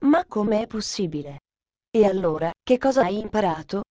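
A woman's voice: medium pitch, lively intonation, moderate pace, mellow, no room sound, highs cut off, lightly acted. Woman reading as a stern, scolding governess. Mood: aghast. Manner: severe, scolding questions. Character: stern strict middle-aged female governess.

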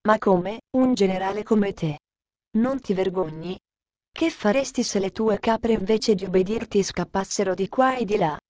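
A woman voicing a stern but kind old mountain grandfather in a storybook reading, speaking firmly and slowly. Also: medium pitch, a little mellow, close to an everyday voice. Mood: scolding.

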